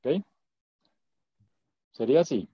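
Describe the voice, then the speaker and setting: A man's voice: medium pitch, lively intonation, slow, warm tone, breathy edge, no room sound, lo-fi sound. A man teaching an online Spanish class, patient and encouraging, repeating words so students can drill them.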